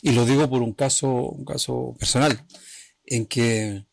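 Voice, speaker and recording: The host of an emotional healing channel leads a live-streamed talk in a gravelly, steady, medium-pitched voice at a measured pace. He speaks conversationally in short phrases that keep restarting, often checking that the listener is following, and the recording is dry.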